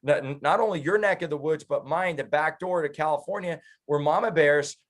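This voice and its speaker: An American political activist and professional speaker, appearing as an interview guest, offers conversational political commentary in an earnest, speechifying manner. His voice sits on the high side, and he speaks at a normal speed with an American accent.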